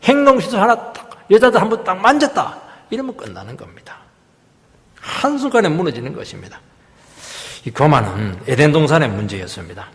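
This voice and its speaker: A man's voice: on the high side, sing-song, brisk. Emphatic male pastor in a reverberant hall. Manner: emphatic preaching with sudden loud rises and hushed drops. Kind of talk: sermon. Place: church sanctuary.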